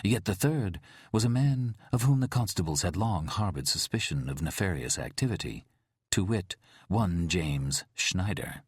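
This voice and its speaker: A man narrating an audiobook thriller in a measured, dramatic storytelling manner. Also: sits low, expressive, breathy edge, dry recording, clean studio sound.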